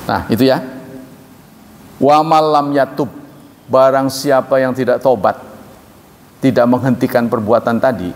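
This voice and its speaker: A man giving a religious lecture as a preacher, reciting verses and explaining them, sudden jumps in pitch when he quotes people. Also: darkish tone. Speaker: Islamic preacher. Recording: reverberant hall, faint noise.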